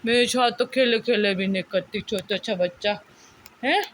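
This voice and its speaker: A woman's voice: mid-range voice, moderate pace, slight background noise. A young mother, talking to her infant in cooing, sing-song baby talk.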